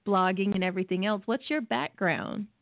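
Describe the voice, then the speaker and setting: A woman's voice: medium pitch, normal speed, no echo. Female call-in show host, affectionate, phone-line sound, dry. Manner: warm affectionate address, calls listeners loves. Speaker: podcast host. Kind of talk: casual call-in interview.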